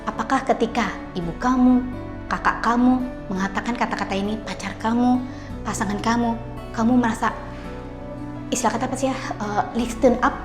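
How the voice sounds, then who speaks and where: A woman's voice: fairly high pitch, steady tone, normal speed, pauses often. A woman hosting a video, talking casually and directly to her viewers, often slipping English phrases into her explanations. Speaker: video host. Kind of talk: casual talk to camera explaining a topic. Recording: echoey room with long reverb and faint music.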